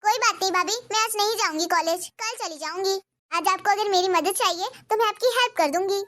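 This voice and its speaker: A woman voicing a kind, dutiful young student in a Hindi cartoon, gentle and reassuring. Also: extremely high pitch, a little fast.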